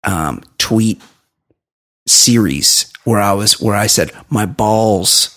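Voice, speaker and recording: A man hosting a casual comedic chat, rambling and halting as he repeats himself. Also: fairly low pitch, fairly bright tone. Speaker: talk show host.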